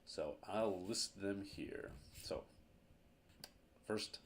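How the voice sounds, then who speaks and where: A man teaching a language lesson, explaining grammar step by step in a slow, methodical way. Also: low voice, a little hiss or hum.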